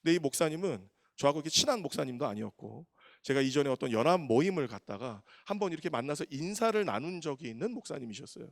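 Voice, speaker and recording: A man in his thirties preaching, telling a personal story with animated, emotional delivery and acted quotes. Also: on the high side, quick pace, vocal fry, hardly any pauses, no room sound, clean studio sound. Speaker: pastor. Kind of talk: storytelling sermon.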